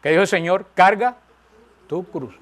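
A man's voice: fairly high pitch, a little fast. A man preaching a sermon, emphatic, rising and falling, repeating phrases for stress.

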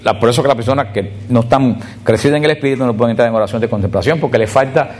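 A man's voice: mid-range voice, darkish tone, a little hiss or hum. Man preaching to a retreat group. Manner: speaks to a group, direct and repetitive, slowing on key words. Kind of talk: sermon.

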